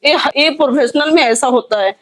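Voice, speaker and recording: A woman's voice: high-pitched, moderate pace. A woman lawyer speaking in a news interview, pleading and distressed as she talks.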